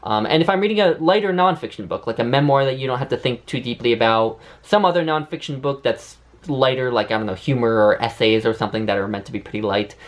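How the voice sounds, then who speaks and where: A man's voice: mid-range voice, quick pace. A man talking casually and reflectively in a vlog, with a lisp and whistling s sounds, often rambling and correcting himself. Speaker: book vlogger. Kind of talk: casual reflective talk to camera.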